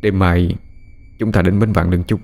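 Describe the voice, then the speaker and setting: A man's voice: sits low, fairly even intonation, normal speed, a little mellow. A man voicing a weary, hurt young husband who speaks in a subdued, reassuring way in a storybook ghost tale.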